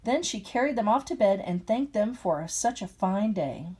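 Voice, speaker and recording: A woman's voice: medium pitch, lively intonation, moderate pace, a little mellow, slightly rough. An older woman reading a picture book aloud as a grandmother, breaking off for chatty asides. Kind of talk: storybook read-aloud with asides.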